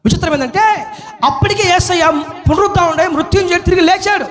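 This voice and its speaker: A man pastor preaching an emphatic, repetitive sermon that swings between shouting and low, slow lines.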